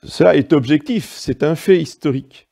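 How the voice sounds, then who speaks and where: Priest giving a sermon, fairly high, mellow, gravelly voice with lively pitch, didactic and emphatic. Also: male voice, normal speed. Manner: didactic, emphatic asides, frequent "hein" and "vous voyez".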